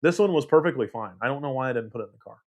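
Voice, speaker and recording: A man's voice: medium pitch, lively intonation, very fast, dull audio. A man casually hosting a livestream, reading viewer comments aloud and rambling with self-deprecating laughs. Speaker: livestream host.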